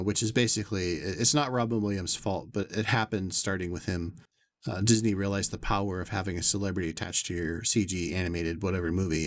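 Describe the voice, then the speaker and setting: Speaking into a noise-suppressed desk USB condenser mic, with a dry-sounding recording, a man chats casually while streaming a game from his bedroom. His upper bass to lower tenor voice wanders through long, rambling asides aimed at his viewers.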